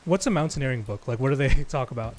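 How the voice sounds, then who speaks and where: A man's voice: mid-range voice, expressive, fast, soft background music. A young man co-hosting a stream in casual chat, laid-back and slangy with short replies. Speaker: stream co-host.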